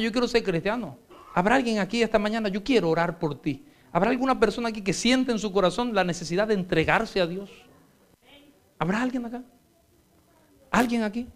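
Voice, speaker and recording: A male guest pastor preaches with passion in a church, his voice sitting high for a man. He hammers home short repeated lines and acts out the people in his stories. He winds down into an earnest invitation for people to come forward. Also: a bit bright. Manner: impassioned preaching with repeated refrains, acting out dialogue in anecdotes. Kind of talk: evangelistic sermon with an altar call. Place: church sanctuary.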